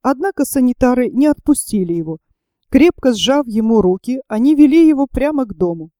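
A woman narrating a novel as an audiobook in a steady, measured reading. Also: sits high, no echo, clean studio sound.

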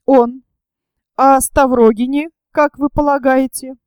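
Blunt scheming young man in an audiobook, curt and rough, read by a woman, mellow and dry. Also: sits high, fairly even intonation, measured pace, no echo.

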